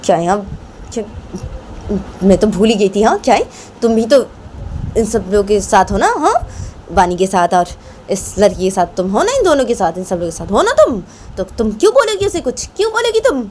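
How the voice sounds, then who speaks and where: A woman's voice: mid-range voice, very animated, brisk, darkish tone, a little hiss or hum, pitched above the performer's own voice, close to an everyday voice. A woman voicing a suspicious, touchy grandmother who scolds in accusing, repeated questions. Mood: angry.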